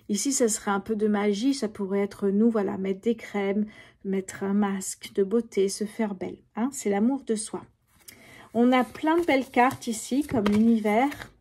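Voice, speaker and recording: Middle-aged lady doing a tarot reading to camera, chatty, mellow husky voice. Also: mid-range voice. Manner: chatty, addresses viewers directly, many fillers. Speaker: tarot reader.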